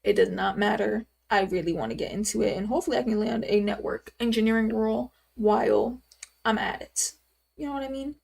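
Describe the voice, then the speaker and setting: A woman's voice: medium pitch, fairly quick, gravelly, a little mellow. A woman in her twenties chatting casually on a live stream, rambling and answering viewers' questions with lots of fillers. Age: 20s. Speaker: livestreamer.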